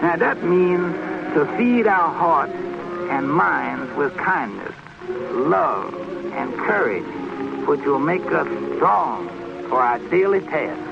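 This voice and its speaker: An actor from 1940s-50s radio drama voices a devout father at his child's bedside, patiently walking through a prayer in a gentle, slow, tender and reverent way. The voice is on the high side, very animated and exaggerated, with vocal fry, over a muffled recording backed by radio choir music.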